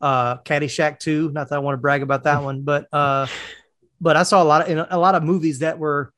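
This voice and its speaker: A man's voice: fairly high pitch, fairly even intonation, a little fast, fairly bright tone, dry recording. A man in his forties from North Carolina, chatty in casual podcast talk, who laughs easily. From North Carolina, USA. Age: 40s.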